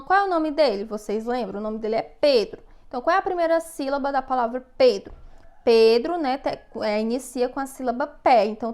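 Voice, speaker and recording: A Brazilian Portuguese-accented woman with a high voice talks young pupils through their worksheets in a recorded lesson. She dictates words slowly and patiently and keeps checking that the children are following. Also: darkish tone. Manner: patient, slow dictation with frequent "tá bom?" checks. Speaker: first-grade teacher. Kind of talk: recorded remote class instructions.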